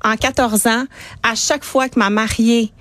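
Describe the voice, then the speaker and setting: A woman's voice: on the high side, steady tone, normal speed, fairly bright tone, dry recording. Earnest woman guest, dry studio sound, explains with conviction. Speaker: wedding planner guest. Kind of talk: radio interview.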